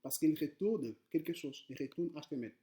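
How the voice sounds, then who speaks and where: Brisk and fairly high-pitched with a dark tone, a man teaches coding casually in French, not his first language. He addresses viewers directly and informally, but his speech is halting, full of fillers and repeated words.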